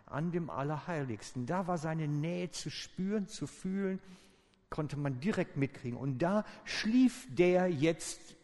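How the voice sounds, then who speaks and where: A man giving a sermon in a relaxed, conversational storytelling way, with informal asides to his listeners. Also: a little high, vocal fry. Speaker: preacher. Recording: echoey hall with long reverb.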